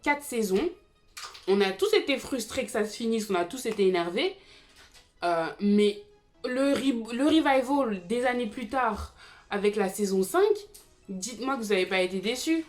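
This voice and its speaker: A woman's voice: a little high, lively intonation, normal speed. Young woman, casual vlog chat, lots of fillers and asides, faint music behind. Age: 20s. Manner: chatty, frequent fillers and asides to viewers. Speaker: YouTube TV series commentator.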